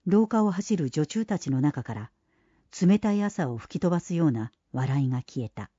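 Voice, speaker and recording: A narrator reading a literary novel in a calm, measured, reflective way. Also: mid-range voice, slightly rough, no echo. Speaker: audiobook narrator. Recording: dry, dull, slightly lo-fi.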